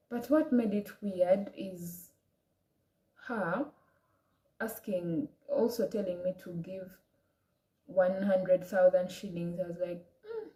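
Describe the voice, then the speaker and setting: A woman's voice: mid-range voice, dark tone, roomy sound, poor audio. A young woman with an African accent telling a personal story in a casual vlog, chatty, with many restarts and quoted asides. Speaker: vlogger.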